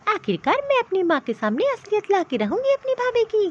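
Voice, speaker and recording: A woman voicing a defiant, sharp-tongued young daughter in a cartoon, speaking scornfully. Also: extremely high pitch, wildly swooping pitch, brisk, muffled recording, heavily acted. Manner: scornful, complaining. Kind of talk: Hindi cartoon voice acting.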